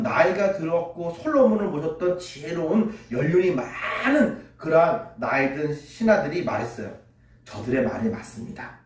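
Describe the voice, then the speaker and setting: Male children's pastor with a high voice, telling an animated Bible story, recorded from a distance in a reverberant church. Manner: animated, acts out quoted voices, asks children questions. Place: church sanctuary.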